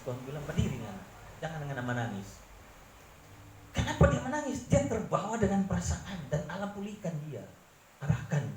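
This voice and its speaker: A middle-aged man with a Manado accent preaching a sermon as pastor, dropping low to confide and rising to press his points. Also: a little mellow, a little hiss or hum. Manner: earnest preaching, sweeping from low confiding tones to raised emphatic ones. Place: church hall. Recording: roomy church echo, faint ambience.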